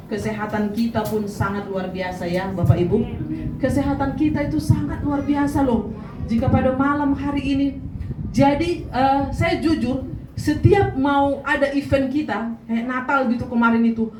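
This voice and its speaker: A woman pastor giving a Christmas Eve sermon in a church, speaking in a chatty preaching manner and often turning to address the congregation directly. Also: on the high side. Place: church hall. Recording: echoey church hall, distant mic, noisy.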